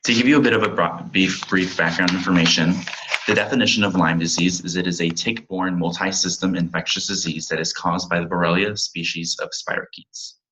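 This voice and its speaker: A man's voice: deep voice, fairly even intonation, fairly quick, sharp tone, muffled recording, a little hiss or hum. A young man in his twenties, a pharmacy student, giving a recorded slide presentation and reading from his slides with small slips and restarts.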